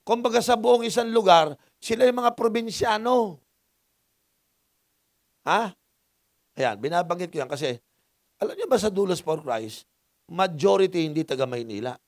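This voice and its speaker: Preaching in a church hall, a middle-aged pastor from the Philippines speaks with a Filipino accent and a voice that sits high, animated at a normal speed with long pauses. He switches into English at times, invites answers from the congregation, and trades jokes with them. The audio is dry and studio quality.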